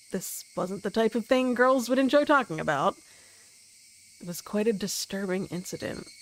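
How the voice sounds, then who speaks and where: Reading visual novel narration aloud on a live game stream, a woman keeps reacting with giggly, amused asides. Her voice sits lowish, and the audio is poor with slight background noise.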